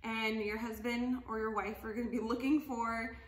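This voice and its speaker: A woman in her thirties, her voice a little high and flat, talks at a normal speed while showing off cleaning products at a living room table in a casual home video. She chats enthusiastically and laughs often, and the sound is reverberant.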